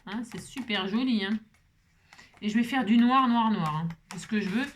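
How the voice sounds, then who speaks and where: A woman's voice: medium pitch, normal speed, slight background noise. A woman hosting a crafting video at her home table, rambling chattily and tossing frequent asides to her viewers. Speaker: crafting channel host. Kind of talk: casual crafting chat to viewers. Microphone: camera set up on the table.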